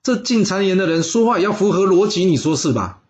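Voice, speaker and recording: A man doing a shrill, protesting noble. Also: lively intonation, quick pace, a little mellow, dull audio. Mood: indignant. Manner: emphatic, protesting. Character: indignant, protesting male noble.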